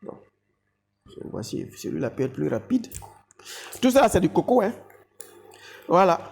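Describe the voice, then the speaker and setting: A woman's voice: lowish voice, sing-song, measured pace, creaky, darkish tone. A woman giving an instructive health talk and demonstration, addressing viewers directly as an educator.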